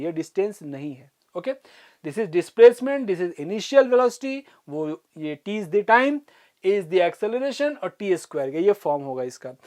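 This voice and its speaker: A woman teaching an online physics class for exam students. She explains step by step, slows down to dictate formulas, and keeps checking that students follow. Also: medium pitch, a little mellow. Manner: explains step by step, often asks "ठीक है?" to check understanding.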